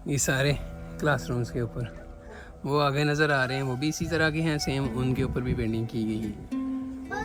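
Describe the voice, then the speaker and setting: A man from Pakistan with a Punjabi accent narrating a casual travel vlog, showing and explaining things conversationally as he walks around outdoors. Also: on the high side. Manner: conversational show-and-tell with repeated pointing phrases. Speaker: travel vlogger. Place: outdoors in a windy rural village.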